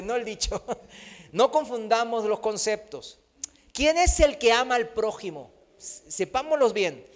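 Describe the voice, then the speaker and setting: A man preaching a sermon, asking rhetorical questions and tagging his points with a quick "¿no?". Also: very high-pitched. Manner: rhetorical questions with frequent tag "¿no?"; acts out quoted voices.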